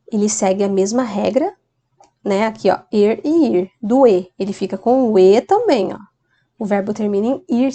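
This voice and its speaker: A woman's voice: fairly high pitch, warm tone. A woman teacher explaining grammar in a video lesson, often checking in with "né?". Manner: explains patiently with frequent "né?" checks. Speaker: Spanish teacher.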